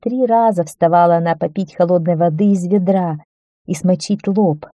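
A woman narrating a children's story aloud, calm and steady. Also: lowish voice, moderate pace, no room sound.

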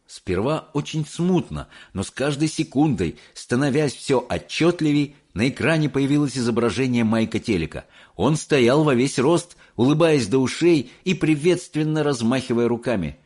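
A man narrating an audiobook in an expressive, measured reading. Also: mid-range voice, breathy edge. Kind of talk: scripted narration.

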